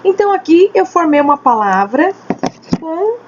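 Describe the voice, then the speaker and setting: A woman teacher giving a lesson to children at home, stretching out key words slowly to stress them. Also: very high-pitched, sing-song, a little mellow. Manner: slow, drawn-out explanatory emphasis. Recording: slightly dull home recording with faint noise.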